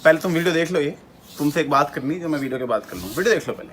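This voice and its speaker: A man in a relaxed, offhand way, speaking casually to his viewers. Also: fairly high pitch, racing, slight background noise.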